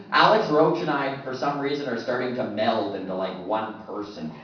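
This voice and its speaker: A man's voice: medium pitch, steady tone, normal speed. A male stand-up comic working the crowd with a dry, self-deprecating delivery. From Canada. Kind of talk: stand-up comedy routine. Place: comedy club stage. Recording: echoey club from far off, dull muffled sound, background noise.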